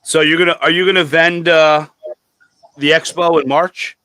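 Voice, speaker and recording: A man's voice: fairly high pitch, fairly even intonation, normal speed, sharp tone, low-quality recording. A man hosting a livestream in casual, conversational talk. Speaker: livestream host, reptile expo vendor.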